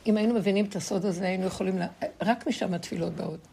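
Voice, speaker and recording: A middle-aged woman giving a spiritual lesson to a group, telling stories in a lively way and laughing between points. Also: mid-range voice, creaky, a little hiss or hum. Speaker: religious teacher.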